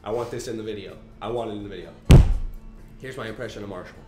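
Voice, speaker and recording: A man's voice: fairly low pitch, fast talker. A young man, a swimmer, telling a casual story about his coach. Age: young adult. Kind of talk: casual recollection. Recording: echoey room with faint music.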